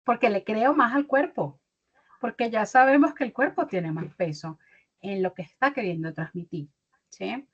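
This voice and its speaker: A woman's voice: medium pitch, moderate pace, slightly rough. A young adult woman, giving an online mentoring talk as a career mentor and acting out little dialogues. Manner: animated, acts out little dialogues. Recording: dull lo-fi audio.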